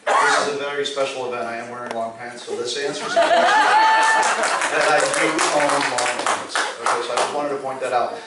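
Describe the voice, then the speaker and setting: A man's voice: medium pitch, steady tone, brisk, over a noisy crowd, heavy background noise. A man in his sixties from Cuba, giving a friendly, joking campaign speech at a community forum. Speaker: candidate speaking at a community forum. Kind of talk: public speech. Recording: echoey hall from far off.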